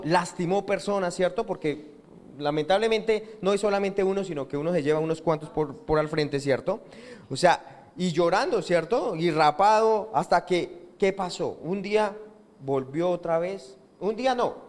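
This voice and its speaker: With a high-pitched, slightly mellow voice, a Colombian Spanish-speaking pastor preaches and questions the congregation until they respond. The recording carries the long reverb of a church hall.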